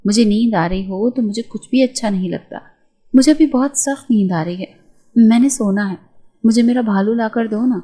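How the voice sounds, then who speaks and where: A petulant, sleepy teenage bride, put on by a woman narrator in an audio storybook. She whines and pleads in a slightly raised, soft-toned voice. The sound is mellow and unhurried. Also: on the high side, lightly acted. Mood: sleepy whining.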